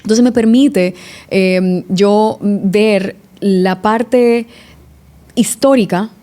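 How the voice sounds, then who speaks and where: Mellow-voiced Dominican sommelier woman. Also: medium pitch, drawn-out words. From Dominican Republic. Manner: reflective, restarts often, eh fillers. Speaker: sommelier guest. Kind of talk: casual podcast interview.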